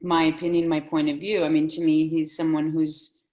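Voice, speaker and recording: A woman's voice: sits low, little pitch movement, moderate pace, mellow, rough recording. A woman from the Soviet Union in a casual film discussion, talking thoughtfully and hedging her opinions. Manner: thoughtful, hedging, restarts often. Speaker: discussion guest.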